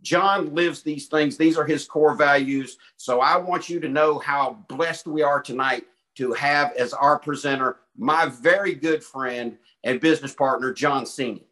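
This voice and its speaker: A man's voice: fairly high pitch, measured pace, bright, forceful tone. A man in his late fifties with a Southern twang, hosting a business call with folksy, enthusiastic hype. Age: 50s. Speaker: call host. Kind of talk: hyped conference call intro.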